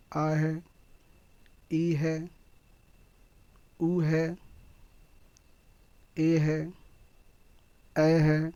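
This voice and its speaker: A man's voice: on the high side, dark tone, no echo, muffled recording. A man with a Hindi accent teaching an exam-prep lesson, explaining step by step and answering his own questions.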